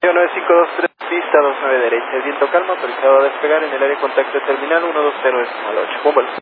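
A man working as a tower controller, giving brisk, clipped instructions over a crackly two-way radio. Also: medium pitch. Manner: brisk, rapid, routine instructions. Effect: crackly two-way radio transmission. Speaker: air traffic tower controller. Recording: noisy narrowband radio channel.

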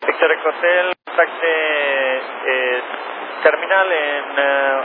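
A man gives clipped, terse instructions as an air traffic controller, heard through a crackly two-way radio. His voice sits a little high for a man, pinched into a tinny, phone-like band. A heavy static hiss runs under every word. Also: slow. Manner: terse, reads numbers, occasional hesitant fillers. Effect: crackly two-way radio transmission. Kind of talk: clipped aviation radio phraseology.

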